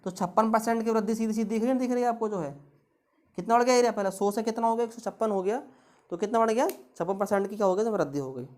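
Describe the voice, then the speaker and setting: A woman's voice: on the high side, fast talker, darkish tone. A woman tutoring exam-prep math, talking through each step with rhetorical questions.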